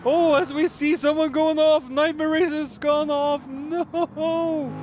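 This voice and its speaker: An esports racing commentator with a high-pitched yet darkish voice calls a race live over clear vehicle noise, informal and exclamatory, hesitating between phrases. His intonation is fairly even and his pace slow, and his voice sounds strained, as though starting to give out.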